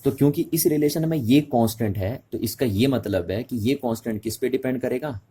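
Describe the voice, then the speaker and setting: Speaking a little fast, a man with a mellow, slightly rough, medium-pitched voice gives a physics lecture in mixed Hindi and English. He repeats the main terms patiently and makes sure his students can follow.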